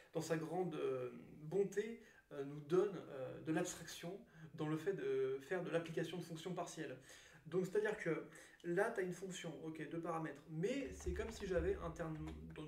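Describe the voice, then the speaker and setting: A man's voice: fairly high pitch, gravelly, a little mellow, recorded from a distance, a little hiss or hum. A man giving a casual programming lesson, rambling and self-mocking with many fillers and restarts, sounding tired from little sleep. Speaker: programming tutor. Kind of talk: casual screen-recorded coding lesson. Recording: echoey room, voice a bit off-mic.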